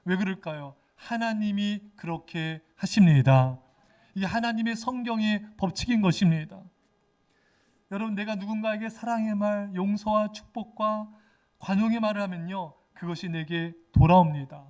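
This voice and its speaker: Emphatic high-voiced male pastor preaching. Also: normal speed, darkish tone. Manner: emphatic preaching, acts out quoted speech. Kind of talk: sermon.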